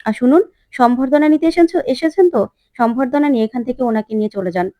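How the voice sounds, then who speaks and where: A woman's voice: high voice, animated, fast talker, mellow, dry recording. A woman reading the lines of a defiant, guarded young woman in a retold TV serial.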